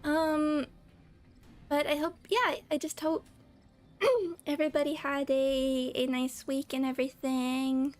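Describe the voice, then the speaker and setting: A young woman with a high, slightly mellow voice chats casually with viewers while streaming a game, speaking slowly in a steady tone over soft background music. Her voice is a little scratchy from a cold, and she is chatty and giggly, laughing often and greeting viewers by name.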